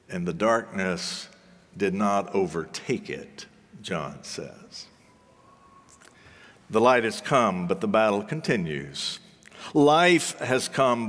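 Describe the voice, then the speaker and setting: A man preaching a sermon in deliberate, solemn phrases, with rhetorical repetition and dramatic pauses. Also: on the low side, a bit bright. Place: large reverberant hall or sanctuary. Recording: long hall reverberation.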